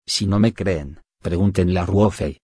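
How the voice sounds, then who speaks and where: Aggrieved chubby young man, complaining, husky, dry recording, a man reading. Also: sits low, measured pace, a little mellow, no room sound. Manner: complaining, defensive.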